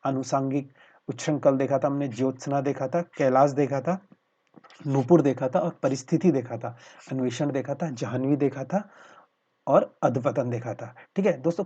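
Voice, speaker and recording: A male teacher with a husky, darkish voice walks viewers through spelling, breaking words into syllables and checking in after nearly every phrase. He poses a question to the class, then answers it himself in a steady classroom way. The recording is dull and slightly lo-fi. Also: mid-range voice. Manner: repeats "ठीक है" constantly, spells words out syllable by syllable; talks to viewers as friends, asks questions then answers them. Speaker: exam prep teacher. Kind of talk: spelling lesson over slides. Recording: dull lo-fi voice-over.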